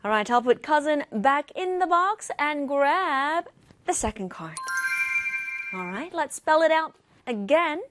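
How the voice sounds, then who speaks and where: A woman presenting a scripted children's lesson as the teacher, over-enunciating as she spells out and repeats words deliberately. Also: high voice, lively intonation, loud music behind the voice. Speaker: children's English teacher and show host.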